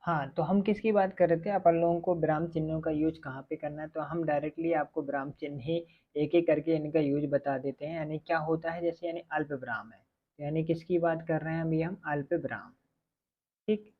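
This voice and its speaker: A man's voice: fairly high pitch, steady tone. Man teaching, tinny phone-like sound. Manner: repetitive questioning, answers his own questions; slow dictation while writing. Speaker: Hindi grammar teacher. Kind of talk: online exam-prep lesson.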